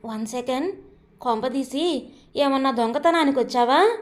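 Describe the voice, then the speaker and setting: A woman doing a feisty, sharp-tongued young woman. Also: high-pitched. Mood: scolding. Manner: quarrelsome, quick retorts.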